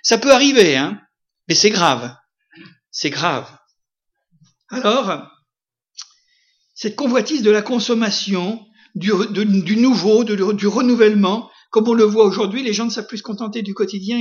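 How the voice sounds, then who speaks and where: A man's voice: high-pitched, moderate pace, dull audio. A man preaching a sermon in a conversational way, often asking his listeners questions. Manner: conversational, asks the audience questions, frequent "hein".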